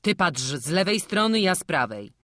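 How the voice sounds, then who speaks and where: Woman doing a loud gruff wagon driver. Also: fairly low pitch, very animated, normal speed, no room sound, studio quality, voice pushed up. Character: gruff middle-aged male wagon driver, suspicious.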